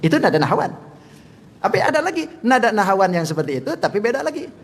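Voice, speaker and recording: A man's voice: high voice, very animated, fast, big-room sound. A man teaching a religious study class, chuckling often and chanting sample melodies between his explanations. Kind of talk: Quran study lecture.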